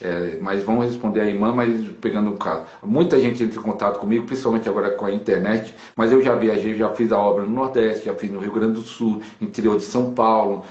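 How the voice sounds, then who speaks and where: A Brazilian pastor speaks emphatically over a video call, slowing down whenever he quotes scripture. His voice sits in an echoey room, and the line sounds dull and lo-fi. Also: lowish voice, steady tone, a little mellow. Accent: Brazilian Portuguese. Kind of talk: preaching on a live video call.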